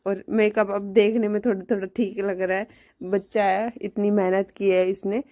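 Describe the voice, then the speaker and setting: A mother talks through a home clip in a casual, chatty voice-over, amused as she walks through each step. Her voice is warm and mellow, at a middling pitch, with a fairly even, level melody. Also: moderate pace, dull audio. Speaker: mother narrating a home video.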